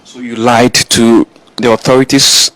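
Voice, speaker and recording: A man's voice: medium pitch, flat delivery, unhurried, a bit bright. A man working as a news reporter, insistently grilling a suspect in a confrontational interview. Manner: pointed, insistent questioning.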